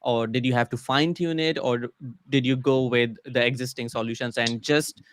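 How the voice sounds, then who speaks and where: A man's voice: medium pitch, steady tone, moderate pace, a little hiss or hum. A man hosting an interview, sharing his own experience and asking long, curious questions. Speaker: host. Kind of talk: conversational interview.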